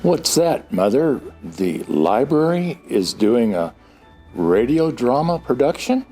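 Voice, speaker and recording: A man's voice: mid-range voice, very animated, mellow, soft background music. Man playing Santa Claus, jolly, lilting old man. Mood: cozy, enthusiastic. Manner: folksy, chuckling, drawn-out delivery. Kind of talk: audio drama dialogue.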